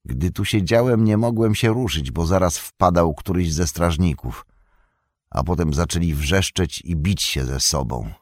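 A man's voice: low-pitched, unhurried, a little mellow, dry recording, clean studio sound. A man voicing a weary young male hobbit who turns despairing and grasping, in a raised, strained voice. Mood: shaken.

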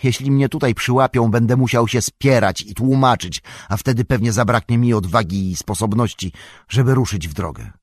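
A man voicing a gentle, resolute young male hobbit in an audiobook, calm and earnest. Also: medium pitch, moderate pace, no echo, studio quality, pitched above the performer's own voice, close to an everyday voice. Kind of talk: audiobook character voice.

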